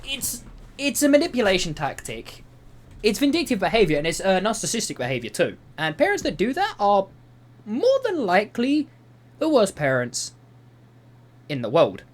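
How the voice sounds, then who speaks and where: A young man reads reddit posts and reacts to them, swearing freely and drifting into rambling asides. His pitch swings widely, climbing and dropping as he goes. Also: wildly swooping pitch, normal speed. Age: young adult. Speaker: YouTuber. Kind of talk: reading reddit posts with commentary. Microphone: voice-over over gameplay footage.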